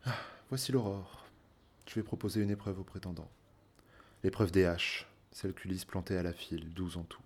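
A man voicing a wise, sorrowful noble queen in a soft, dignified way. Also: sits low, steady tone, normal speed, slightly rough.

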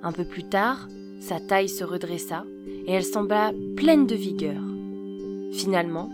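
A woman narrating a folktale in a measured, calm manner. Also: lowish voice, music in the background. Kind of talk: storybook narration.

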